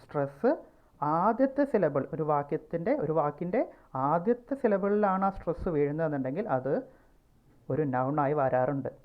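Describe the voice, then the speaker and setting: A woman teacher with a Malayali accent giving a pronunciation lesson, speaking slowly and repeating words to show where the stress falls. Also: low voice, lively intonation, dull audio.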